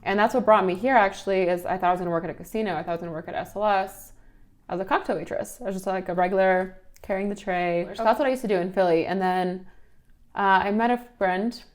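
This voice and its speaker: A young woman with a mid-range voice talks quickly with fairly even intonation. Born in Ukraine and raised in Philadelphia from age seven, she's an interview guest who works bottle service and models, casually and playfully chatting and telling anecdotes.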